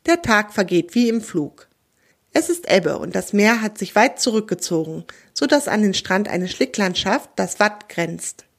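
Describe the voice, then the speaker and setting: A woman narrating a children's storybook in a gentle, clear storytelling manner. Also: medium pitch, very animated, unhurried.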